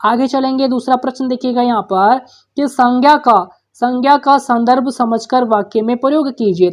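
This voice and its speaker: A woman teacher goes through workbook answers for schoolchildren. Her voice sits a little high, and she keeps posing a question and then answering it herself in a patient, steady way. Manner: patient, repeats questions back to pupils. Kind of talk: workbook solution lesson.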